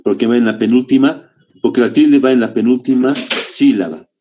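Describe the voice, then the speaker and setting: A man's voice: mid-range voice, mellow, slight background noise. A man from Bolivia teaching a literature lesson to exam applicants, explaining step by step with rhetorical questions and many tag questions. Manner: deliberate, stretches key words slowly.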